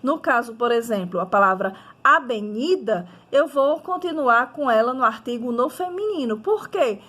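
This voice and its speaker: A woman's voice: fairly high pitch, animated, normal speed, fairly bright tone. A woman with a Brazilian Portuguese accent teaching a grammar lesson, methodically posing questions and answering them herself while checking in with her students. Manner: checks in with listeners often. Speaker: Spanish teacher.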